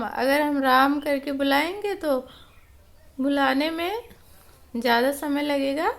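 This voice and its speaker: A woman's voice: high-pitched, vocal fry. A woman teaching a lesson, explaining patiently and repeating each point with examples.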